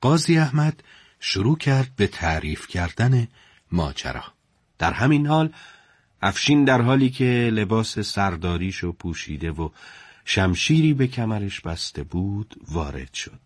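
Low-voiced male storyteller. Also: no room sound, clean studio sound. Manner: colloquial, steady storytelling. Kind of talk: conversational story narration.

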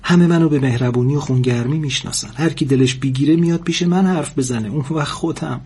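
A man's voice: medium pitch, darkish tone, slightly rough, pitched above the performer's own voice, natural voice. A man voicing a lonely, kind little old woman with a wistful, shaky voice in a spoken story.

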